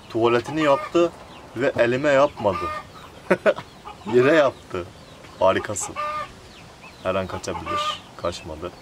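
A man's voice: fairly low pitch, noisy background. A man vlogging from his poultry coop, chatting playfully to the camera and coaxing the bird he holds. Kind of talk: casual chat to camera. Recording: clucking birds loud behind. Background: chickens and quails clucking.

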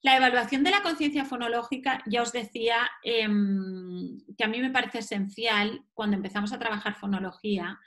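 A woman's voice: on the high side, moderate pace, fairly bright tone. A woman from giving a recorded lecture, explaining step by step and answering her own questions. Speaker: teacher.

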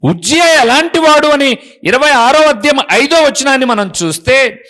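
Male pastor; emphatic sermon full of rhetorical questions, very animated delivery. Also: very high voice, normal speed. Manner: emphatic preaching, asking the congregation rhetorical questions.

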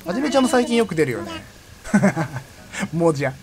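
A young man giving casual commentary while streaming a game, chatty and laughing often, with sudden loud outbursts. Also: high voice, huge pitch swings, normal speed, gravelly. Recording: game music playing behind the voice. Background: background game music.

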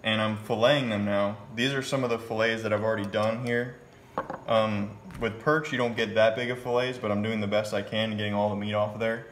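A man's voice: fairly low pitch, steady tone, fairly quick, fairly bright tone. A young man in his twenties narrating his fishing trip from a small boat, upbeat and counting catches as he goes. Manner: upbeat, play-by-play tallying catches. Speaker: fishing vlogger. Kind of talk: casual fishing vlog narration. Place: small boat on a river, outdoors. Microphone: handheld phone camera. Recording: noisy outdoor phone recording.

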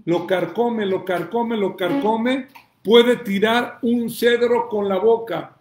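Male rabbi, fiery question-and-answer sermon delivery, high-pitched, recorded in a reverberant room. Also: fairly even intonation, slow, a little hiss or hum. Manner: emphatic preacher, asks and answers his own questions, shouts calls to God.

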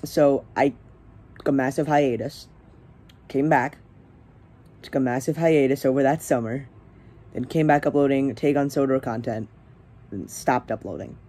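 Teen guy rambling casually on his channel, lots of ums, mellow dark voice, middle pitch. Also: a little slow, long pauses. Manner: hesitant, many fillers and restarts. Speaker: channel host.

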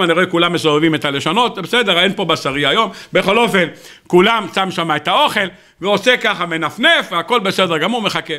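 A rabbi delivering a sermon, an animated storyteller who talks straight to his listeners. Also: high voice. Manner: animated storyteller, acts out the people in his stories; addresses the audience directly. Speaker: rabbi giving a weekly Torah talk.

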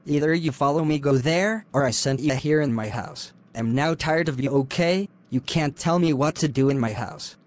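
A man's voice: fairly high pitch, normal speed, few pauses, natural voice. A man voicing a scornful, domineering husband. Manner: insulting, domineering shouts. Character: harsh, scornful husband, young adult man. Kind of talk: animated drama voice acting.

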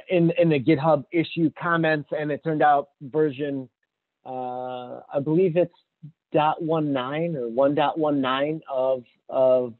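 A man giving a casual technical talk with slides, rambling with many fillers and restarts. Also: mid-range voice. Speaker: conference speaker. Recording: tinny phone-like audio.

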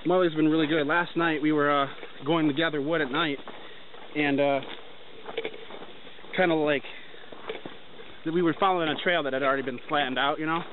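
A man's voice: on the high side, steady tone, moderate pace, pauses often. A young man talking casually to a handheld camera as he hikes through a forest, rambling as he walks. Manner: talks while walking, loose and rambling. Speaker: hiker filming a trip. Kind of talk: casual vlog narration while hiking. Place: outdoors in a forest. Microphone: handheld camera at arm's length. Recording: tinny lo-fi camera audio with faint noise.

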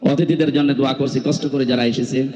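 A man's voice: medium pitch, fairly even intonation, quick pace, darkish tone. A male preacher giving a sermon at a large open-air evening gathering, emphatic and chiding with touches of humor, through a stage microphone. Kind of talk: Islamic sermon at an outdoor gathering. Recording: muffled hall echo from PA.

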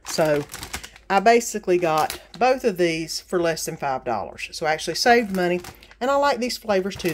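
A middle-aged woman, walking through her grocery haul in her home kitchen in a casual, practical way, recorded on a phone over the counter. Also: lowish voice. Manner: chatty, practical, with frequent ums and sale prices. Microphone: phone camera over a kitchen counter.

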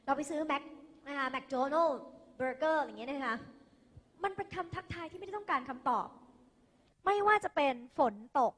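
A high, bright-voiced Thai woman teaches English to a class of students. She coaxes them along playfully and keeps drilling their pronunciation. Her voice rings with long hall reverb, as if it was caught on a phone. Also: moderate pace, pauses often. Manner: lively, calls students "kids" and "dear", drills pronunciation. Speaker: English tutor. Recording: echoey hall, phone recording.

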